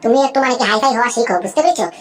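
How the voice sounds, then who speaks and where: A woman's voice: fairly high pitch, rapid-fire, lightly acted. A woman voicing a greedy, snobbish, scheming sister-in-law in a cartoon, chattering nonstop and constantly asking whether the listener understood. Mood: bragging. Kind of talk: cartoon voice acting.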